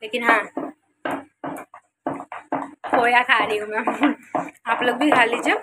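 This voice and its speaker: A young adult woman and mother chatting casually in a home vlog, coaxing her baby in a sing-song voice and then rambling relaxed to her viewers. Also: fairly high pitch, slow pace, heavy background noise. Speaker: vlogger and mother.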